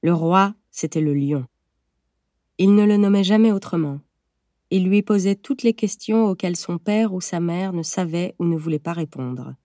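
A woman reading a story aloud in a measured, gentle storytelling manner. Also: on the low side, dry recording, clean studio sound. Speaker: narrator. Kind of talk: scripted audiobook narration.

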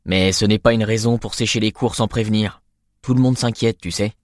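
Male narrator voicing a self-assured teen boy, blunt yet caring, lifted a bit higher, storybook read in a dry booth. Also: fairly even intonation, a little fast, no echo, natural voice. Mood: frank. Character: confident friendly male high school student.

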